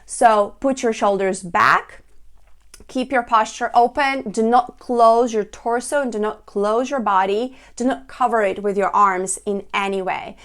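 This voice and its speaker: Female public speaking coach, slightly high voice, deliberate and emphatic demonstration-style delivery for instructional presentation. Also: fairly bright tone.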